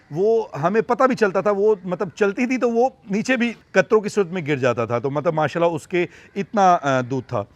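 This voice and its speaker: A man's voice: fairly high pitch, no echo. A man giving casual, rambling vlog commentary outdoors at an animal farm. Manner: chatty, rambling, with many fillers. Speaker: vlogger and animal farm keeper.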